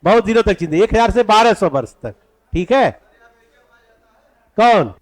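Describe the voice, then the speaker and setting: A male teacher with a high, very animated voice leads an exam-prep class in a classroom. He keeps asking the students questions and answering them himself. He dictates each point slowly, over and over.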